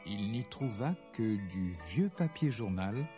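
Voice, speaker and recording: A man narrating a children's Christmas story in an expressive, storytelling manner. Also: fairly low pitch, measured pace, faint music behind.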